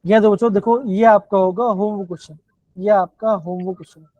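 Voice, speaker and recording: Brief: Himachali Hindi-accented male teacher, high voice, repetitive questioning, dull dry online-class audio. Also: fairly even intonation, a little fast, warm tone, no room sound. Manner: repetitive, keeps calling the students "बच्चों". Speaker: chemistry teacher. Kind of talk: live online class lecture.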